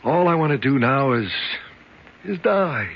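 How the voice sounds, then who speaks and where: A mid-range male voice, lively in intonation and a touch slow, belongs to an actor playing an older convict claiming centuries of escapes. The 1970s radio drama performance is earnest, dreamy and meandering. The old radio recording is muffled, with faint hiss.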